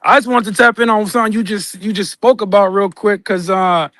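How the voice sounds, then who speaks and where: A man's voice: high voice, steady tone, brisk, fairly bright tone. A man who makes custom clothing, joining a podcast in an easygoing, friendly way. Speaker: guest, custom clothing maker. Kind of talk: casual podcast talk.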